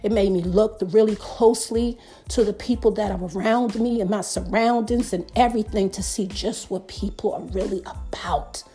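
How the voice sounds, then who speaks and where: A woman's voice: medium pitch, fairly even intonation, moderate pace, warm tone, breathy edge, soft background music. A middle-aged woman hosting a podcast, ranting emphatically in profane street slang. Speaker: podcast host.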